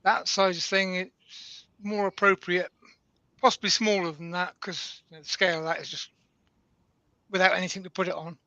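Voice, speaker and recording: A man's voice: sits high, flat delivery, moderate pace, bright, forceful tone, dry recording, dull audio. A man hosting a woodturning live stream over a call, hesitant and self-mocking, with lots of ums. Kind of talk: casual live-stream chat.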